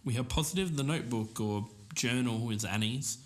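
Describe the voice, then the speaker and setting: An Australian man voices an earnest, careful podcaster in a scripted audio drama, a co-host character digging into a mysterious lost show. His pitch is medium and his speed normal. The acting is light.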